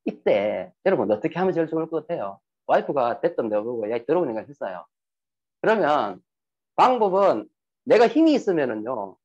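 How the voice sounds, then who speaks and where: A man's voice: fairly high pitch, breathy edge. A man giving a motivational seminar talk who keeps asking his audience questions. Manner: lively, asks the audience questions. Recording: muffled lo-fi recording.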